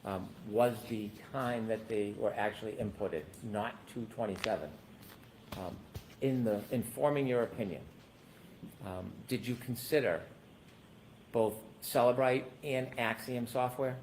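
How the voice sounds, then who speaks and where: A man's voice: on the low side, measured pace, darkish tone, a little hiss or hum, low-quality recording. A man questioning a witness as an attorney in a courtroom recording, asking probing questions with frequent hesitations.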